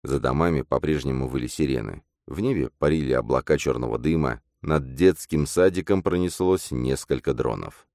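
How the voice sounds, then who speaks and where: Deep-voiced man narrating a story, steady pace, dry studio sound. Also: moderate pace, no echo. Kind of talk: audiobook narration.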